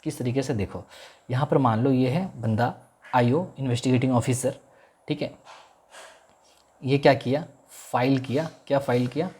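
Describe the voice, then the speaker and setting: A man's voice: mid-range voice, darkish tone, slightly rough. Man lecturing with quiz-style repetition. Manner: repeats key terms as call-and-response questions; mixes in English legal phrases, drawn out slowly. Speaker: law lecturer. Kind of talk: classroom lecture.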